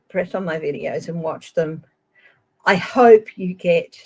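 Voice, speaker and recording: A middle-aged Australian woman giving a gentle, chatty tarot reading on a live stream and addressing viewers by name. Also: on the low side, creaky, poor audio. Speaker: tarot reader.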